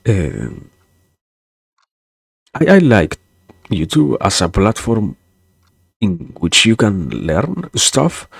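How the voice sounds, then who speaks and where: A young virtual streamer with a non-native English accent chats casually on a livestream, rambling hesitantly, repeating words, and slipping into wry sarcasm. His voice is low-pitched and creaky with a breathy edge. The recording is dry and studio quality.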